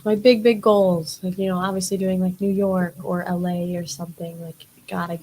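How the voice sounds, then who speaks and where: A woman's voice: fairly low pitch, level tone, moderate pace, dark tone, slight background noise, rough recording. A young woman, a model, chatting casually as an interview guest, rambling with many fillers.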